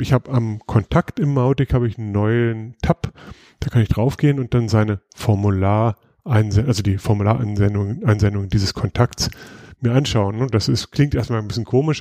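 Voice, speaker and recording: A man hosting a casual podcast, talking through topics at an easy, explanatory pace. His voice is mellow and warm, recorded close and dry with no room sound. He often hesitates and restarts mid-sentence. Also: on the low side, no echo. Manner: relaxed, explanatory, many filler sounds and restarts. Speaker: podcast host.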